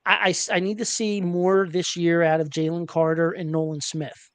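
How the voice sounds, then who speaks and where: A man hosting a casual sports podcast, chatty and hesitant, filling pauses with ums and uhs. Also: fairly high pitch, little pitch movement, clean tone, dry recording. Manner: chatty, hesitant with many fillers. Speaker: podcast host.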